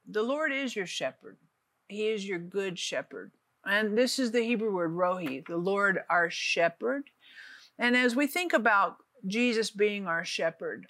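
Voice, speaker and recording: An earnest woman preaches in dry studio sound with no echo, her medium-pitched voice sharp in tone. Delivering encouraging televangelist teaching, she slows down on key phrases and repeats them for emphasis.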